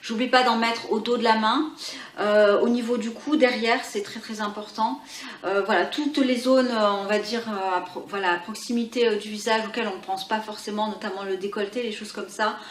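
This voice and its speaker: A woman talking through her favorite beauty products in a casual vlog, pausing often and restarting her sentences. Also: medium pitch, steady tone. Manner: hesitant, full of pauses and restarts. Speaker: beauty vlogger. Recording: echoey room with faint ambience.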